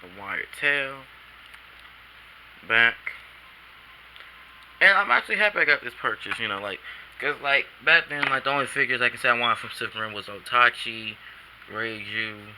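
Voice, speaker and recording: Man, very bright voice, drowsy rambling toy review, camcorder, faint background hiss. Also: medium pitch, normal speed, pauses often, poor audio. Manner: rambling, self-correcting, casual slang. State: drowsy after a nap. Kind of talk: casual figure review vlog.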